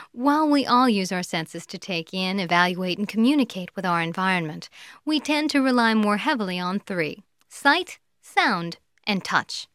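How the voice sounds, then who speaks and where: Female sales trainer, animated delivery, playful demonstrations, dry close recording. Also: medium pitch, dry recording. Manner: playful, acts out the voices she describes; laughs lightly between points. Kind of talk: instructional talk.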